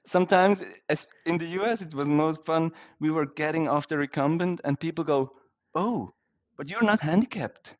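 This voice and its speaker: A man's voice: a little high, normal speed. Swiss man on a dull, lo-fi line. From Switzerland. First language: Swiss German. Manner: laughs often, hesitant restarts, enthusiastic. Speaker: guest, company founder. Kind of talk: casual interview.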